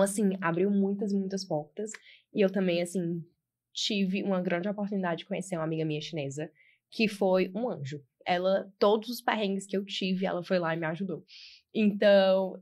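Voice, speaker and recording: Young woman from ceará brazil, chatty podcast guest, keeps repeating words for effect. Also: mid-range voice. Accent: Ceará Brazilian Portuguese. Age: 20s. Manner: animated storyteller, repeats words for emphasis. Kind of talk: casual podcast interview.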